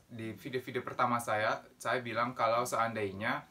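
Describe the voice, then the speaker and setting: Bright-voiced man hosting a casual vlog. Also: mid-range voice, flat delivery, moderate pace. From Indonesia. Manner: upbeat, greets viewers, reminisces with a friend. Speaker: vlog host. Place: indoors, on the road.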